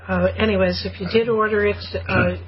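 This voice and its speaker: A woman's voice: mid-range voice, steady tone, a little fast, muffled recording. A woman in her forties co-hosting a show, reading listener letters aloud in a chatty way with many fillers. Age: 40s. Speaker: co-host reading listener questions. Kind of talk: casual on-air chat.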